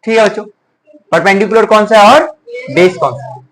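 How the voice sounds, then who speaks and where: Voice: medium pitch, a little fast, low-quality recording. Teacher drilling pupils with repeated questions. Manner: call-and-response questioning, repeats each answer back; addresses pupils as children and dear. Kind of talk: classroom math lesson.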